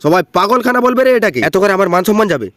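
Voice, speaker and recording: A man voicing a short-tempered village father who scolds loudly, swinging from growls to shrill yells. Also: lively intonation, quick pace, no room sound, studio quality. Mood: scolding. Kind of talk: cartoon comedy voice acting.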